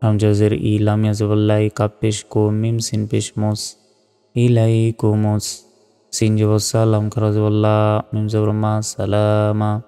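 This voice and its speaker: A man teaching Quran reading, methodically spelling out each syllable and then reciting the verses in slow, drawn-out phrases. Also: fairly low pitch, completely flat delivery, warm tone, clean tone. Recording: long reverb, faint background music.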